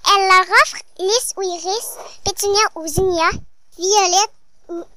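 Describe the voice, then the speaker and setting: A child presenting a school radio show, reading a joke and a riddle poem slowly and carefully. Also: female voice, extremely high pitch, fairly even intonation, sharp tone. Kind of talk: reading jokes and riddles aloud.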